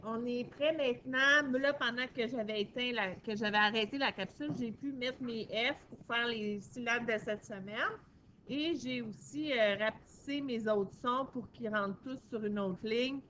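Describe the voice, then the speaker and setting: A woman teacher leads a phonics lesson for young children, stretching each syllable out slowly and praising often. Her voice sits fairly high. There is a faint hiss of noise under the recording. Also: a bit bright. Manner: patient, encouraging, sounds out syllables slowly. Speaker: primary school teacher.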